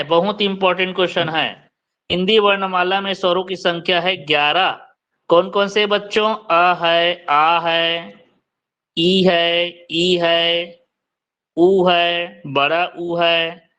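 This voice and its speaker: Slow, bright-voiced male Hindi teacher. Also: high-pitched, fairly even intonation, smooth. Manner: drills letters slowly, quizzes students. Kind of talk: online class lecture.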